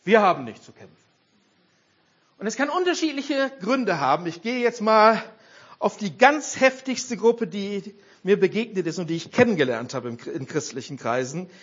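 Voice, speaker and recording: Animated older male preacher, lo-fi. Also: sits high, moderate pace, breathy edge. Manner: animated, rhetorical questions to the congregation. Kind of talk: sermon. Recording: dull lo-fi sound.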